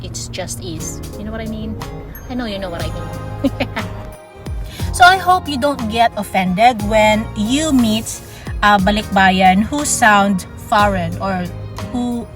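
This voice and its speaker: Speaking slowly but animatedly, this woman has a medium-pitched voice and a Filipino accent with hints of Australian; her native language is Ilonggo. She vlogs casually from her Australian home, laughing frequently and lengthening her words as music plays.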